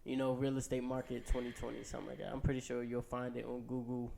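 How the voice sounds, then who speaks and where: A man co-hosting a casual podcast, animated and quick to laugh. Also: mid-range voice, gravelly, slight background noise. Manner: animated, laughs often, loses his train of thought. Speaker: co-host.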